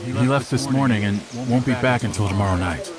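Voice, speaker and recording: A man's voice: mid-range voice, fairly quick, close to an everyday voice. An actor playing an anxious, deferential man who serves a village leader, in video game drama style. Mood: worried, pleading. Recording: loud crowd chatter and game ambience behind.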